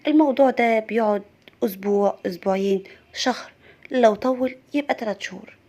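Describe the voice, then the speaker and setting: Woman voicing a calm Egyptian male doctor. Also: fairly high pitch, fairly quick, lightly acted. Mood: reassuring. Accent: Egyptian Arabic. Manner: soft, reassuring. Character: calm reassuring male psychiatrist.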